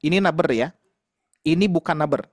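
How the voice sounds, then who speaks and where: A man's voice: on the high side, moderate pace, no echo, clean studio sound. A man teaching Quran recitation in an online class, explaining patiently and demonstrating sounds with light laughs.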